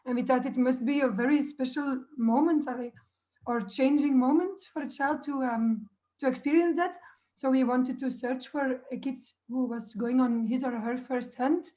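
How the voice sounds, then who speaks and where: A woman's voice: sits high, steady tone, moderate pace, mellow. A Dutch-speaking woman with a Dutch accent, casually telling stories as a documentary filmmaker. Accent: Dutch or Flemish. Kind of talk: casual interview storytelling. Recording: slightly muffled online-call audio.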